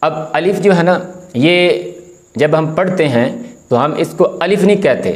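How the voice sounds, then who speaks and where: A man teaching beginners to read the Quran, calmly explaining how each letter is said and drawing out the sounds to demonstrate them. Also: fairly high pitch, a little slow. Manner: firm when correcting common mistakes. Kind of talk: recorded beginner lesson, explaining letter pronunciation.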